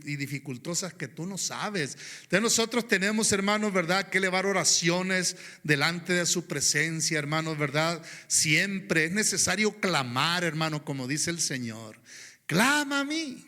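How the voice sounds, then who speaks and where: A male pastor preaching a sermon, often stopping to address his "brothers" and saying amen, moving between quiet, low passages and loud, high exclamations. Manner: rhythmic preaching, often inserts "hermano, ¿verdad?" and "Amén".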